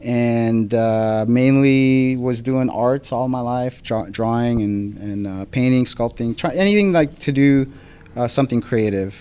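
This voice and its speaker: His voice is warm, smooth and medium in pitch, and he takes his time. This photographer, Philippine-born and LA-raised, is a guest in a casual interview on a live podcast with a small audience, often restarting sentences and saying um.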